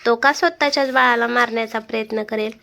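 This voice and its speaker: A woman voicing a protective, sharp-tongued middle-aged mother in a read-aloud family story. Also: fairly high pitch, fairly even intonation, fast talker, vocal fry. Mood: insistent.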